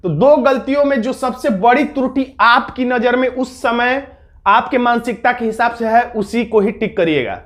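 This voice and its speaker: A man's voice: very high-pitched, moderate pace, fairly bright tone. A man teaching an exam-prep grammar lesson, explaining patiently and repeating his key points.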